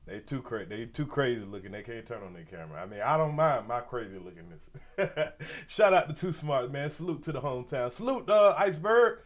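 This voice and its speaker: With a mid-range, brisk voice and lively intonation, a commentary channel host in his forties chats casually on a livestream. He's stuffy-nosed, slangy and rambling, addressing viewers directly.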